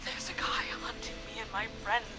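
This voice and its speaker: A woman's voice: medium pitch, flat delivery, brisk, over loud music. An actress voicing a terrified teenage girl who whispers breathlessly over a phone line while hiding from a killer. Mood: panicked. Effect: heard over a phone line. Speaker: caller.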